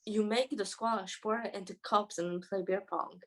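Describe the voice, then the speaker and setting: A woman's voice: mid-range voice, fairly even intonation, normal speed, low-quality recording. A teenage girl co-hosting a podcast, chatting casually and rambling through stories. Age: teens. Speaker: podcast co-host. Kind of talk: casual chat.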